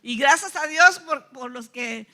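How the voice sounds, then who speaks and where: Bright high-voiced woman preaching slowly. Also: animated. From Mexico. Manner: asks the congregation rhetorical questions; acts out the lepers' cries loudly. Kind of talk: sermon. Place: church.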